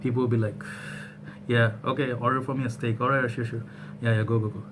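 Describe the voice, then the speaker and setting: In a small home room, a man in his thirties from Bangladesh vlogs to his webcam, sharing opinions in a loose, rambling way full of fillers and restarts while gesturing animatedly. His pitch is medium, his pace quick, and background noise can be heard.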